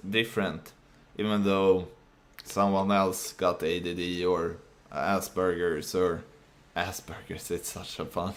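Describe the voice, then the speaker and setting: This vlogger is a man with a deep voice whose native tongue isn't English; his casual, off-the-cuff English monologue halts with fillers and restarts.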